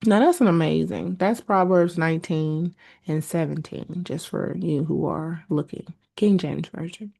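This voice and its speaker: A woman's voice: low-pitched, measured pace, vocal fry, warm tone. A woman hosting a podcast, speaking in an earnest, preachy solo monologue straight to her listeners. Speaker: podcast host.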